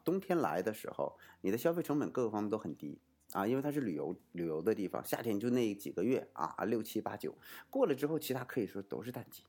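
Animated man with a swooping voice. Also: lowish voice. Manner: rhetorical questions, frequent fillers and restarts. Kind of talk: casual explanatory talk.

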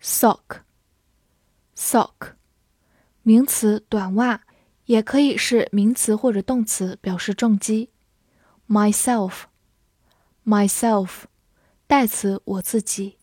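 A woman English teacher narrating a vocabulary lesson, slowly repeating each word twice before giving its meaning. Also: mid-range voice, dark tone, slightly rough, no echo, studio quality. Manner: slow, drawn-out word repetition.

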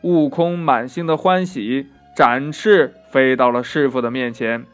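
A man narrating a children's story in a lively storytelling manner, drawing out the ends of his phrases. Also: medium pitch, a little slow. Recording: faint music behind.

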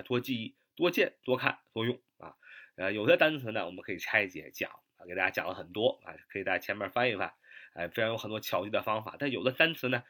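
Brief: young male English teacher, lively pitch, spells words out letter by letter. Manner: explains patiently, spells words letter by letter, repeats terms; drawls English words slowly, fills pauses with "啊". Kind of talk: spoken vocabulary lesson.

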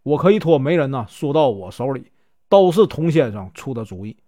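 A man's voice: medium pitch, very animated, a little fast, mellow, no echo, clean studio sound, close to an everyday voice. A man voicing an arrogant rich male local bully who confesses his scheme in a storybook tale. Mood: confessing.

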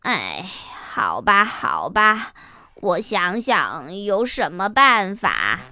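A woman's voice: mid-range voice, sing-song, takes it slowly, sharp tone, exaggerated voice. A woman voicing a sensible little earthworm who sighs and doubts, speaking wearily. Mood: sighing. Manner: sighing, weary and skeptical.

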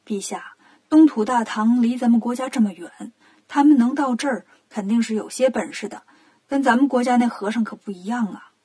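A woman voicing a cautious old male royal advisor in a children's storybook, speaking softly. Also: fairly high pitch, brisk, slightly rough. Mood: advising. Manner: soft, advising.

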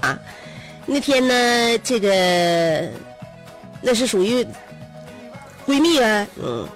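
A woman's voice: fairly high pitch, sing-song, takes it slowly, soft background music. A woman radio host with a Northeastern Mandarin accent, chatty and teasing, telling a story with frequent laughs.

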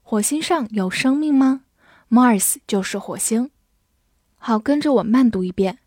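Woman teaching English vocabulary, slightly high voice. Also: animated, darkish tone, no room sound, clean studio sound. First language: Chinese. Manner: spells words letter by letter and reads example sentences slowly. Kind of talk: scripted vocabulary lesson.

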